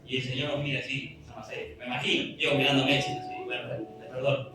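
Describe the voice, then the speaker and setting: Preacher in echoing hall. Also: male voice, mid-range voice, little pitch movement, quick pace. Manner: earnest, pleading, reads scripture aloud. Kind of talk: sermon with scripture reading. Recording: echoey room, distant mic, music behind.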